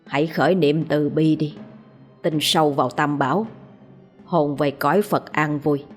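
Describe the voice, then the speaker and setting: A woman's voice: low-pitched, lively intonation, normal speed, faint music behind. Solemn old exorcist, as a woman reads him. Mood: stern, gentle. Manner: solemn, admonishing. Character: stern elderly male exorcist, calm and solemn.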